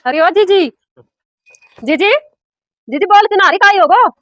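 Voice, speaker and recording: A woman's voice: very high voice, lively intonation, measured pace, fairly bright tone. A woman with a Rajasthani accent playing a defensive daughter-in-law, bickering in a village comedy sketch.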